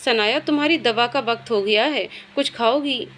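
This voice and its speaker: A woman's voice: fairly high pitch, normal speed, fairly bright tone, a little hiss or hum, close to an everyday voice. A woman voicing a worried, loving older mother in a storybook reading. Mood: motherly.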